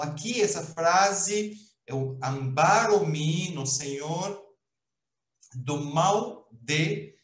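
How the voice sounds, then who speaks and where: A man teaching Arabic in a recorded online lesson, explaining slowly and haltingly with many restarts. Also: medium pitch, reverberant. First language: Portuguese.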